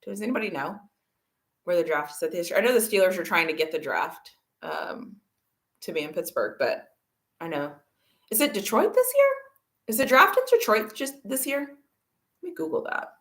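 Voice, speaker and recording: A woman's voice: medium pitch, big pitch swings, normal speed, pauses often, fairly bright tone. A woman hosting a casual football livestream, talking to her chat in an emphatic, argumentative way. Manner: talks to chat viewers. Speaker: livestream host.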